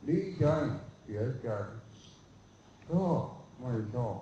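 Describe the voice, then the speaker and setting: A man, a Buddhist monk, giving a slow, unhurried Dhamma talk with soft trailing lines at a meditation retreat. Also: a little hiss or hum. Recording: roomy, dull retreat-hall recording.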